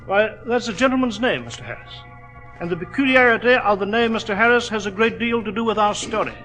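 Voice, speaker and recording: Genteel doctor, high-pitched, storyteller of mysteries, vintage radio drama, music on an old broadcast. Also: male voice, fast, pushed and bright. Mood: measured storytelling. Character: Doctor Watson, genteel, easily unnerved English gentleman doctor and storyteller. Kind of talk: 1940s radio acting.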